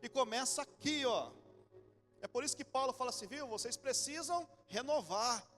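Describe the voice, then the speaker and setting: A man in his forties with a Brazilian accent, preaching a sermon in church, animated and then suddenly soft and low. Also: normal speed, faint music behind. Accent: Brazilian Portuguese. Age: 40s. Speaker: pastor.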